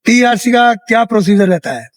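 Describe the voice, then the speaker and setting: A man's voice: extremely high pitch, lively intonation, normal speed, no room sound. A young Indian man from India hosting a street interview vlog outdoors in a city square, chatty and repeating answers back for his viewers. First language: Hindi. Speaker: travel vlogger interviewing a worker.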